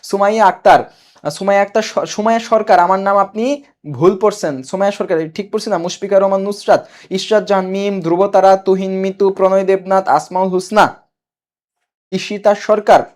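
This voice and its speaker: A man's voice: sits high, steady tone, moderate pace, darkish tone. A young man teaching a live online coaching class, quizzing viewers, repeating key answers and reading their comments aloud. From Bangladesh.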